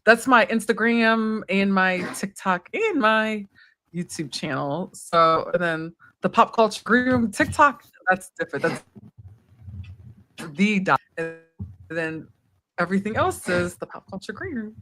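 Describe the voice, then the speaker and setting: A woman's voice: medium pitch, animated, a little slow, sharp tone, slight background noise. A woman guest in a casual chat, giggly and hesitant with lots of fillers.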